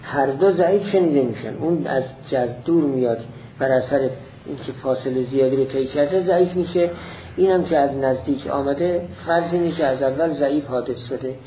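A man gives a slow, deliberate lecture on a classical text, building each point step by step and repeating it. The recording is dull and lo-fi. A faint ambience sits behind his medium-pitched voice. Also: slight background noise. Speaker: teacher of philosophy.

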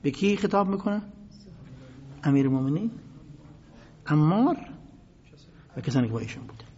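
A man preaching a sermon who explains slow chanted quotes in quick everyday speech, swinging dramatically between loud outbursts and hushed whispers. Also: on the high side, animated, a little hiss or hum. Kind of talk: sermon retelling religious history. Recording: echoey hall, dull lo-fi sound.

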